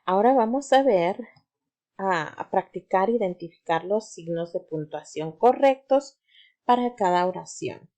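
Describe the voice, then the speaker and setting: Slow, patient woman teacher. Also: mid-range voice, lively intonation, warm tone. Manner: patient, asks pupils to repeat words after her. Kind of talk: slow, deliberate grammar lesson for children.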